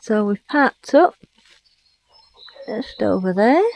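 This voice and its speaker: A woman narrating a casual travel vlog, chatty and often dropping to a hushed whisper. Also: mid-range voice, lively intonation, slow pace, vocal fry, rough recording. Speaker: travel vlogger. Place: old village church and campervan.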